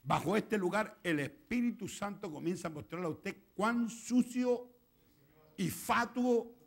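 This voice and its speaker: A middle-aged Chilean man preaching a sermon in a church, moving from quiet asides to shouted passages and acting out quoted prayers. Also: high voice, expressive, measured pace, gravelly. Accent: Chilean Spanish. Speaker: pastor.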